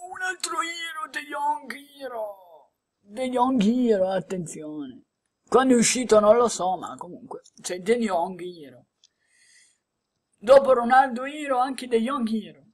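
A woman giving excited gameplay commentary as she opens card packs, exclaiming and laughing often. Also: fairly high pitch, a little slow. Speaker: gaming video creator.

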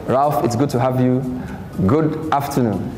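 A journalist hosts the interview in a formal, brisk, articulate way, his voice pitched in a middle range. The handheld mic picks up a roomy echo and a long hall reverb, with faint noise underneath. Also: a little mellow. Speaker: journalist, event host and interviewer. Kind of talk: hosting an interview. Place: large hall, indoors.

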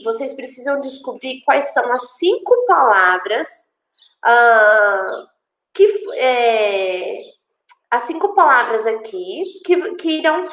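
A Brazilian woman teaches English to young children, explaining each line in Portuguese in a lively, animated way. Her pace is slow and deliberate, and her voice sits a little high. The room gives the recording a noticeable echo. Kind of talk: online class. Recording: echoey room.

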